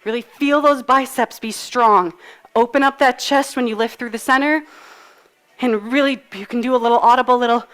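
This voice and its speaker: At a fitness studio, a woman whose voice is on the high side and a bit bright leads a live workout at a moderate pace. Exercising along, she's out of breath as she cheerfully cues moves, counts down, and encourages everyone.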